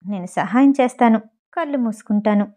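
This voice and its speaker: A woman's voice: a little high, brisk, dark tone, close to an everyday voice. A woman voicing a young husband in an audio novel, reading his lines in a teasing, coaxing manner. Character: young husband, possessive and playful.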